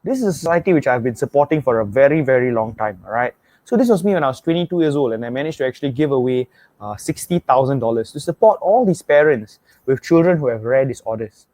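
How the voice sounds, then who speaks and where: A young Singaporean man with a Singaporean English accent hosts an online webinar, delivering a motivational pitch with energy, repeating himself and urging viewers to type replies. His medium-pitched, slightly mellow voice moves fast with lively intonation, and the recording is dry.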